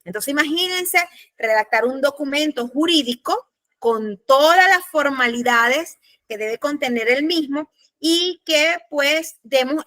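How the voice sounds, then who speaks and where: Woman lecturer, bright and high, unhurried, drawing out examples. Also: no echo. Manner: patient, spells out examples slowly. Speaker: law course instructor. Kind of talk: lecturing on spelling rules. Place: classroom or online class.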